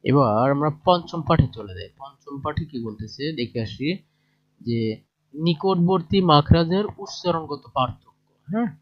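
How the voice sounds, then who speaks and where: A man with a Bangladeshi Bengali accent talks through a textbook lesson, pausing to ask his listeners whether they follow. His voice sits a little high. The recording sounds dull and lo-fi. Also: lively intonation. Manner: plain explanatory talk with fillers and checking questions. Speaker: teacher.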